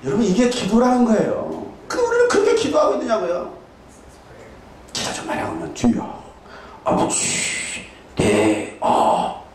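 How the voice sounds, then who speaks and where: Male pastor, high lively voice, sermon in an echoey church hall, bursts into shouted reenactments. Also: distant mic, slight background noise. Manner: animated, shouting dramatic reenactments.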